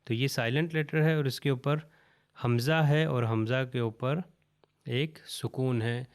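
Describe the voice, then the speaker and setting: A male Quran recitation teacher giving a step-by-step lesson, patiently repeating each word slowly and deliberately. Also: mid-range voice, clear, resonant tone.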